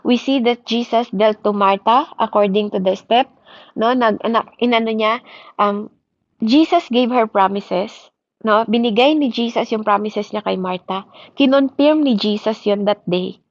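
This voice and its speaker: Female preacher, a little high, code-switching sermon full of "di ba?" checks; dry, muffled audio. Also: a little slow, dry recording. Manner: mixes English into Tagalog, keeps asking "di ba?". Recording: dry, slightly dull recording.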